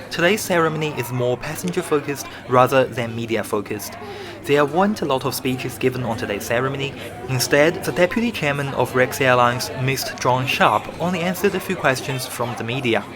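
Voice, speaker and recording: A man's voice: medium pitch, lively intonation, a little fast, crowd noise. A man reading scripted voice-over narration for a flight review. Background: loud background music.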